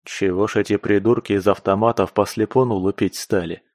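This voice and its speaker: A man's voice: fairly low pitch, fairly even intonation, brisk, a little mellow, no room sound, clean studio sound. A man reading a first-person audiobook in a gritty, slangy, crude manner. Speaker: audiobook reader.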